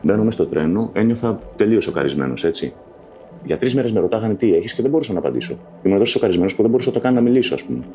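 A man candidly recounting his own life story in a loose, conversational way, often pausing with fillers. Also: fairly low pitch, expressive, music in the background.

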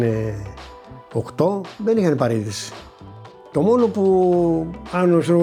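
Mellow-voiced older man telling a story. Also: on the high side. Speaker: interviewee recounting a lottery win. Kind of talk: personal anecdote told to an interviewer.

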